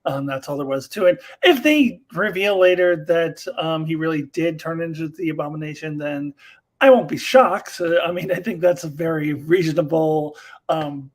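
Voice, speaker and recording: A man's voice: a little high, normal speed. A man guesting on a casual review podcast, easygoing and full of ums. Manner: easygoing, repeats "face value", many ums.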